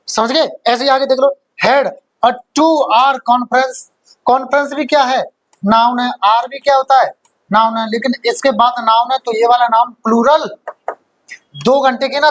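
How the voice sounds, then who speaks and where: A man's voice: very high-pitched, fairly even intonation, normal speed, fairly bright tone, dull audio. A man teaching an exam-prep grammar lesson, joking with his students, quizzing them and laughing often.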